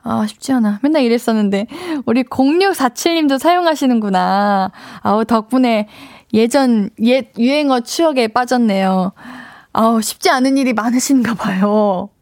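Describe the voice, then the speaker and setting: A woman's voice: fairly high pitch, moderate pace, a little mellow, dry recording, studio quality. A woman radio DJ chatting playfully as she reads out listener messages on a live show. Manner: playful, chatty, tries out dialect phrases. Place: radio studio. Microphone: studio mic.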